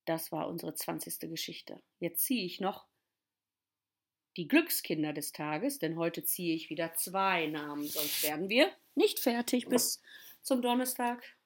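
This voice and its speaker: A woman's voice: fairly low pitch, lively intonation, a little slow. Woman reading a children's story. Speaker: storyteller and teacher.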